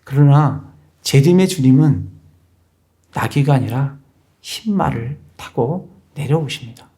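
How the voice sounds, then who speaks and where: Mellow-voiced male pastor preaching. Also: medium pitch. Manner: explanatory, measured preaching with scripture readings. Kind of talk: sermon. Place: church.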